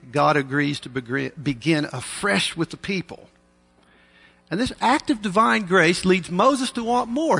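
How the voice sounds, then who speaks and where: A man delivers a sermon into a pulpit microphone, his fairly high voice catching into gravel. He talks in an earnest, measured way with dry asides. The sound rings with the long reverb of a large hall. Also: fairly bright tone. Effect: preaching into a pulpit microphone. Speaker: preacher.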